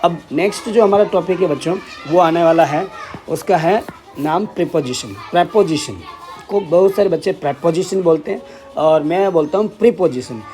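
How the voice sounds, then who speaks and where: A man's voice: on the high side, normal speed, dark tone, soft background music, a faint crowd. A man teaching an English grammar lesson in Hindi, explaining step by step and often checking with "ठीक है".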